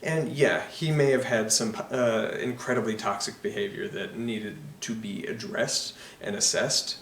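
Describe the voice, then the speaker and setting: A man's voice: lowish voice, steady tone, unhurried, creaky, fairly bright tone. A man giving a casual, opinionated film review, rambling with many fillers and restarts. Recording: echoey room, mic at a distance, faint noise.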